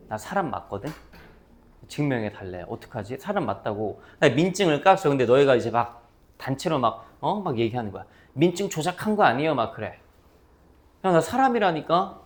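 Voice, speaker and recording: A man's medium-pitched voice moves fairly quickly as he lectures a class on math, with slight background noise behind him. Lively and playful, he weaves in stories and imitates his students' voices.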